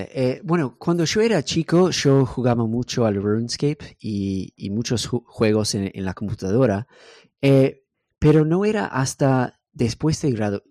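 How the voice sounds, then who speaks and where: A man whose first language is English, a software engineer talking as a podcast guest in a relaxed way, with many fillers and English words slipped in. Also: medium pitch, no room sound, studio quality. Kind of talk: casual interview conversation.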